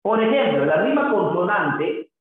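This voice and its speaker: Teacher on a thin, echoey line. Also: male voice, sits high, very animated, measured pace. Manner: checks in with tag questions, recites verses in a sing-song drawl. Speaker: literature teacher. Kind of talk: classroom lecture. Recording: very echoey, phone-like thin sound.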